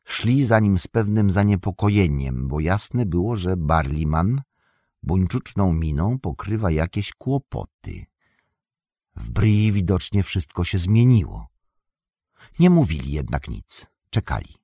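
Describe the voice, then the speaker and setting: Husky-voiced male audiobook narrator. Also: sits low, sing-song, measured pace, warm tone, no room sound, studio quality. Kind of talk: scripted narration.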